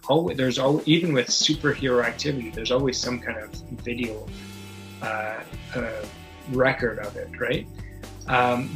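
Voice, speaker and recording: Poor audio captures a game master leading a superhero tabletop session, a man whose medium voice has a slightly bright edge. He stumbles as he searches for words, making up narration on the fly and walking through the rules.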